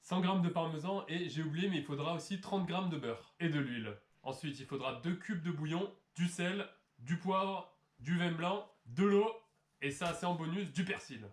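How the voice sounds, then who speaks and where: A man's voice: fairly high pitch, normal speed. A man hosting a cooking video, explaining history and ingredients in a playful, teasing way with mock-serious jokes. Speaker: cooking channel host. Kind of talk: jokey cooking video narration. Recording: roomy echo.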